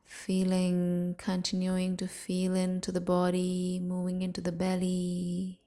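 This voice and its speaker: A woman leads a guided sleep meditation, speaking in a fairly low, monotone voice. She stays hushed, soothing and softly breathy, leaving long pauses between lines.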